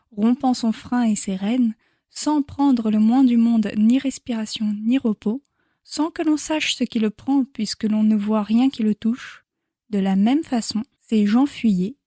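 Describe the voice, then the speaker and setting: A woman reading a classic novel chapter as an audiobook narrator in a measured, clear way. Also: on the high side, dark tone, no room sound, clean studio sound.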